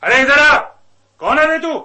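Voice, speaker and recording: A man's voice: a little high, normal speed, bright, forceful tone. A man playing a proud rich village patriarch who speaks pompously in a radio drama. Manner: pompous, commanding.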